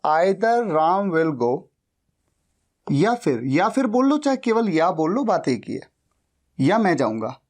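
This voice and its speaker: Male tutor, unhurried, repeats each phrase for learners and poses questions to the class. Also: high voice, a little mellow. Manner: slow and deliberate, repeats phrases and asks rhetorical questions. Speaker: English teacher. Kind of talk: Hindi-language English grammar lesson.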